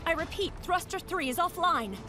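A woman's voice: extremely high pitch, expressive, moderate pace, loud music behind the voice. A woman voicing a plucky, heroic young pig fighter in a children's cartoon. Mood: urgent, determined.

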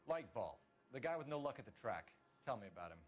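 An actor playing a stern, no-nonsense 1940s American police detective in a noir crime game, terse and accusing. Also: male voice, mid-range voice, very animated, fast talker, highs cut off, soft background music, lightly acted. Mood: menacing.

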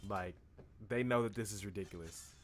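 A man's voice: on the low side, moderate pace, faint music behind. A young man streaming a video game, chatting casually in a rambling, jokey way. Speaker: gaming streamer. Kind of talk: casual gameplay commentary.

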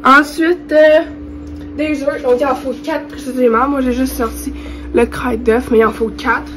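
Slightly slow and fairly even in intonation, a young vlogger's high, cold-congested voice carries a Quebec French accent as she gives a hesitant, informal cooking tutorial to camera. She's at home in her kitchen, with faint music and clear background noise behind her.

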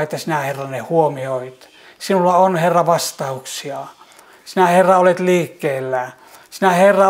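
A man leading a fervent spoken prayer as a preacher, rising to loud pleading peaks and sometimes restarting words. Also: on the high side.

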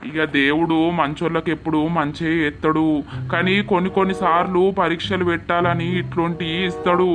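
A woman voicing a calm village woman with a Telangana Telugu accent, firm and reassuring. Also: fairly low pitch, a little fast, lightly acted. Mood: consoling. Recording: faint music underneath.

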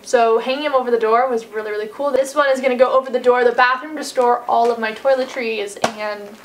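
A woman in her 20s talks at a quick pace through a casual packing vlog, upbeat and peppered with "like"s and "um"s. Her voice is fairly high with a steady tone. She's in a carpeted living room near a fireplace indoors, and there's a little hiss or hum.

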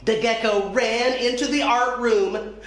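A woman teacher reading a children's story aloud in a slow, clear storytelling manner. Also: fairly high pitch, steady tone. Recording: echoey room.

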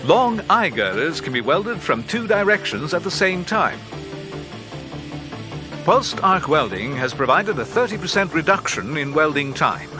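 A man narrating an industrial training film in a measured, instructive way, as a studio voice-over. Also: a little high, very animated. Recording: faint music behind narration.

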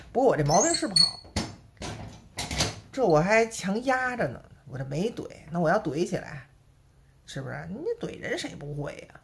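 Animated Beijing-accented woman vlogger. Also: lowish voice, normal speed, long pauses, slight background noise. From Beijing, China. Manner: chatty, full of rhetorical tag questions. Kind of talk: casual chat to camera.

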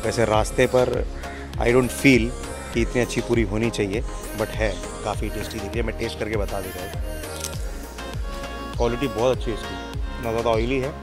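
A young man hosting a casual street food vlog outdoors, asking quick questions and praising the food with enthusiasm. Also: on the low side, steady tone, music in the background. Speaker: food vlogger host. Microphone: handheld lapel mic.

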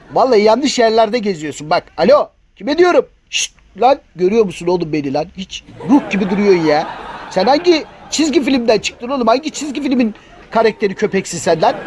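A man's voice: high voice, darkish tone, a little hiss or hum. A man voicing a chatty male house cat in a comic dubbing of pet videos, joking and grumbling with many exclamations. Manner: colloquial, joking, full of exclamations.

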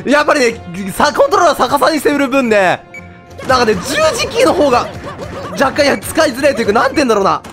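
A man giving casual, excitable commentary while playing a platform game, laughing and talking to himself as he goes. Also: extremely high pitch, fast, loud music behind the voice. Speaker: game streamer.

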